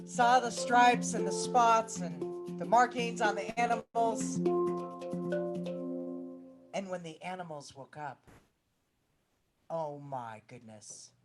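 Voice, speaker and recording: A woman telling a children's story with dramatic hushes and swells. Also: mid-range voice, expressive, takes it slowly, long pauses, loud music behind the voice.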